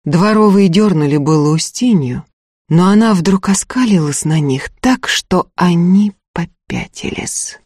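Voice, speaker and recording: A woman's voice: fairly low pitch, animated, a little slow, darkish tone, breathy edge, dry recording. Woman narrator, dramatic storytelling, dry close sound. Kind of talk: audiobook narration.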